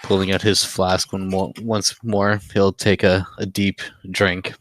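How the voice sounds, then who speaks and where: A brooding, hard-drinking gambler, acted by a man in a tabletop role-play. The voice is low and slow, weary and dramatic, with a dry, close sound. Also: flat delivery, no room sound, poor audio.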